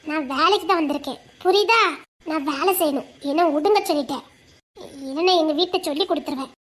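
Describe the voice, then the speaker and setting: A woman voicing a shy but spirited young working woman who protests softly in a Tamil audio drama. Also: high-pitched, fast, natural voice. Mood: protesting. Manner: soft, coy and protesting.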